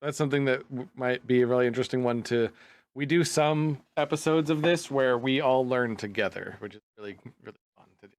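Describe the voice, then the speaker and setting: A man's voice: medium pitch, brisk. A man co-hosting a podcast and stream, talking loosely and hesitantly with many restarts. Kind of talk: casual chat.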